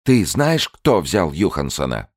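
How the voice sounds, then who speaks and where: A man's voice: extremely low pitch, fairly quick, vocal fry, a little mellow, breathy edge, no room sound, studio quality, full character voice. A man voicing a desperate young woman, pleading and furious, in a dramatic audiobook reading. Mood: fierce.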